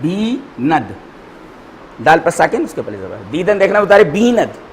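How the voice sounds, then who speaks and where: A man teaching a grammar class, repeating each word slowly and spelling out letters and vowel marks for his students. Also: a little high, sing-song, a little hiss or hum, rough recording.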